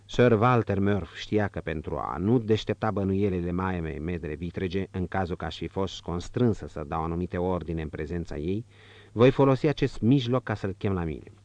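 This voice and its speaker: A man narrating an audiobook in a steady, measured reading style. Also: low-pitched, no echo, muffled recording.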